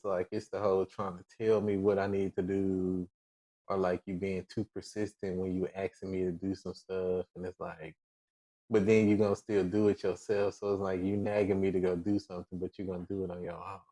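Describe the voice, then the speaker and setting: A man with a very low voice and co-hosts a podcast in easygoing chat. He talks in a laid-back way, teases his co-host and stretches words for effect. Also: steady tone, mellow. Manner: laid-back, playful teasing, drawn-out words. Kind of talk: casual chat.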